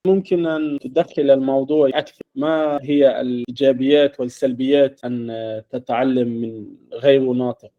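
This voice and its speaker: Mellow man asking short, slow questions. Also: medium pitch, fairly even intonation, dull audio. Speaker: interviewer, channel host. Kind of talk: interview in formal Arabic.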